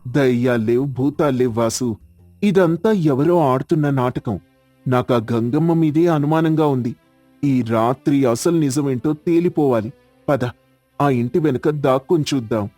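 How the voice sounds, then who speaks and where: A man's voice: medium pitch, a little slow, warm tone, no echo, soft background music, natural voice. A young man playing an earnest, determined village doctor. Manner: firm, earnest.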